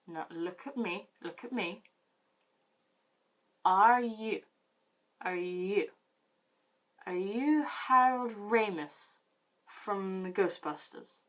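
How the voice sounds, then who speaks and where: A woman acting out her drunk younger self: slow, emphatic and insistent, repeating herself. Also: mid-range voice, a bit bright.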